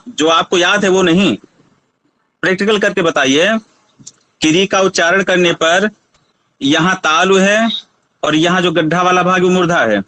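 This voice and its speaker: A man's voice: sits high, pushed and bright, dry recording, poor audio. A man teaching a Sanskrit pronunciation lesson, patiently asking students to try each sound aloud.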